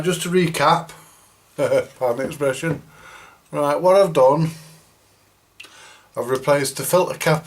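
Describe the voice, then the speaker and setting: Hosting a repair video, a man talks through his workshop tasks in a casual, hands-on way, pausing and stumbling as he thinks aloud in a chatty manner. His pitch is medium, with some vocal fry.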